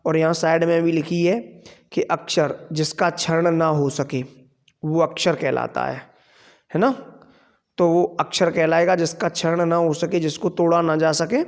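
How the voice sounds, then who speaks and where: A man teaching a grammar lesson, explaining slowly and asking questions that he then answers himself. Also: on the high side, little pitch movement. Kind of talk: classroom lecture. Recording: long hall reverb.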